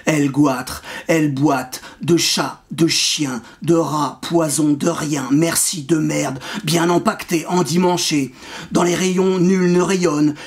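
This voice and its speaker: Man reciting a poem, slightly high voice. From France. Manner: measured, rhythmic recitation with wordplay. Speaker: poet. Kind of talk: poetry reading.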